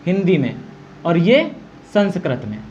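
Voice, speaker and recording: A man's voice: sits high, huge pitch swings, a little slow, a little mellow. Hindi man teaching, dull lo-fi sound. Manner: asks and answers his own questions, repeats "okay"; draws out vowel sounds to demonstrate. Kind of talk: exam-prep grammar lecture. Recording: dull lo-fi recording with faint noise.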